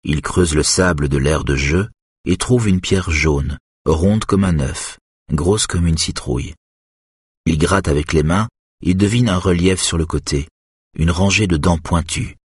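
Deep-voiced, husky male narrator. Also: a little slow, dry recording, clean studio sound. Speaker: audiobook narrator. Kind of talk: scripted thriller narration.

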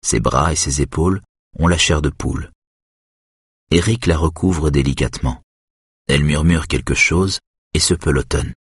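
A man doing measured, scripted audiobook narration of a thriller. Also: a bass voice, breathy edge, no room sound, studio quality.

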